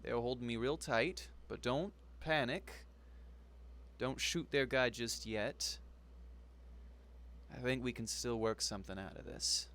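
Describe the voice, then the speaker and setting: A man's voice: mid-range voice, a little slow, pauses often, fairly bright tone. A man voicing a captured male thug who tries to talk his way out, persuasive and wheedling. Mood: pleading, bargaining. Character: male thug held captive, bargaining.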